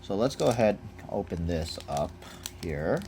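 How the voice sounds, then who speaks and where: In a noisy home recording, packaging crinkles as a young man opens trading cards. His voice is low-pitched and his pace normal. He rambles casually and easily, using lots of fillers.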